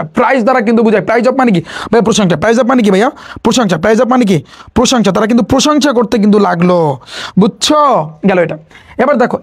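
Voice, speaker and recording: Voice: mid-range voice, husky. A tutor gives an exam-prep lecture. The tutor drops English words into the explanation and keeps asking listeners questions, often repeating them.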